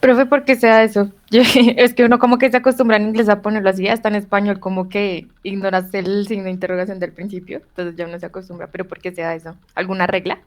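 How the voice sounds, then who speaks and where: A young woman asks her tutor questions during an online class. She talks in a lively way and often laughs between her words. Her voice has a middle pitch and comes through a video call. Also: fast talker, hardly any pauses. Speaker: student.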